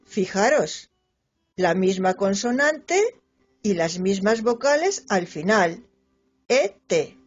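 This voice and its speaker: Slow lilting woman teaching children. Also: medium pitch, very animated, breathy edge. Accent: Spanish from Spain. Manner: slow, lilting, stretches out example words for children. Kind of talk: children's lesson narration. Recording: dull lo-fi sound with faint music.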